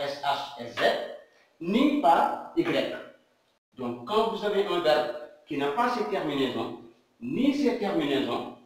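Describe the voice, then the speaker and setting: Senegalese man, grammar teacher, unhurried and repetitive, slightly high voice, distant mic. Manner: slow, repetitive, rhetorical questions. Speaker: English teacher. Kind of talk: classroom grammar lesson. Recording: echoey room, mic at a distance.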